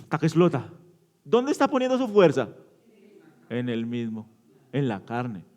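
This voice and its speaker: In a church, a pastor delivers an interactive sermon, putting questions to the congregation and answering them himself. His voice swings from loud, emphatic bursts down to low, quiet endings. The delivery is sing-song and a little slow.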